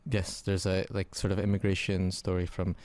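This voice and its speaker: A man's voice: sits low, flat delivery, moderate pace, a little mellow. A young man from Argentina talking in a casual interview about his film work, thoughtful and hesitant, with many fillers and restarts. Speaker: interview guest, film artist.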